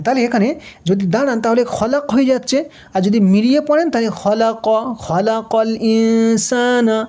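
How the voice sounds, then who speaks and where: A woman teaching Quran recitation step by step, speaking Bengali with a Bangladeshi accent, repeating syllables slowly and asking then answering her own questions. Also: medium pitch, dark tone.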